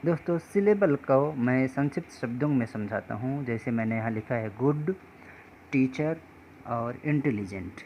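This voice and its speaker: A man teaching English pronunciation rules in a slow, patient way, often calling his viewers friends. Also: medium pitch, animated, a little mellow, slight background noise.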